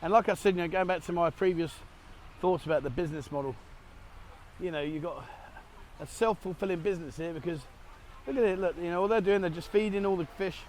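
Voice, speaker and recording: A man's voice: high-pitched, brisk, darkish tone, slight background noise. Chatty man vlogging at a cafe. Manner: chatty and rambling, laughs at his own slips. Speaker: travel vlogger. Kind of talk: casual vlog chat to camera. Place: cafe in Thailand, partly outdoors.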